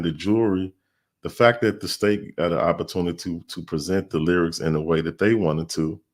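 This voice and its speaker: A man hosting, casually explaining a court hearing with many fillers. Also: low-pitched. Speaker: commentary host. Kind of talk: casual commentary.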